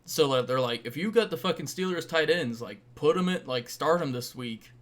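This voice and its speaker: A man's voice: on the high side, expressive, brisk, a bit bright. An American man co-hosting a podcast, chatting about sports in a laid-back, colloquial way with casual swearing.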